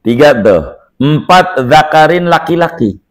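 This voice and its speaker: A man's voice: fairly high pitch, lively intonation, a little slow. A man giving a joking, repetitive religious lecture to a congregation. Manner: jokey, uses Betawi slang and repeats phrases. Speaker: preacher.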